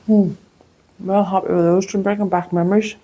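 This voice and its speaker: A woman's voice: medium pitch, fairly even intonation, measured pace, mellow. A woman with a Northern Irish accent hosting a casual cooking vlog from her home kitchen, chatty and homely as she tastes her baking. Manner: chatty and homely, talks while tasting. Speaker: cooking channel host.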